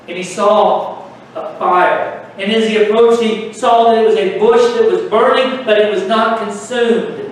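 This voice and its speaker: A man's voice: sits high, a little hiss or hum. A man preaching a sermon with emphatic rhetorical questions, recorded from far off in an echoey room.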